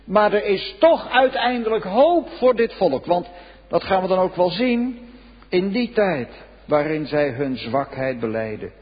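A man preaching a solemn sermon, swinging between loud exclamations and hushed, low passages. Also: big pitch swings, unhurried, husky. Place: church. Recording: dull lo-fi recording in a reverberant church.

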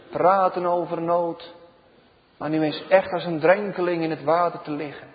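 A man preaching a sermon, slow and emphatic, his voice swelling loud and then dropping to a hush. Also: on the high side. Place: church. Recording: dull reverberant church recording.

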